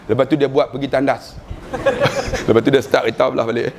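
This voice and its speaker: A middle-aged man with a Malaysian Malay accent giving a humorous religious lecture, telling animated stories and slipping into slow chanted recitation. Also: mid-range voice, creaky, a little hiss or hum. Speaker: preacher.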